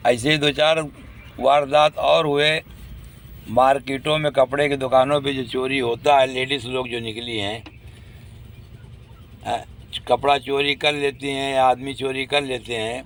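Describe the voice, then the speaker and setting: A man's voice: mid-range voice, steady tone, measured pace, fairly bright tone. A man speaking to the public in a casual monologue, indignant and complaining.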